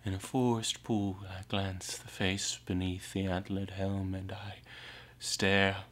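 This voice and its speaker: A man performing a theatrical monologue as Merlin driven mad, an anguished, brooding outcast prophet who swings between breathy whispers and ringing cries. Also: sits low, level tone, slow pace, a bit bright. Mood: tormented, brooding.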